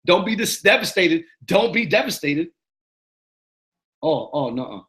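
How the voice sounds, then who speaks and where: This motivational coach, a New Yorker living in Arizona, runs a live-stream Q and A monologue in a high, sing-song, sharp voice at a measured pace. Emphatic and preachy, he repeats himself and keeps asking "you know what I'm saying."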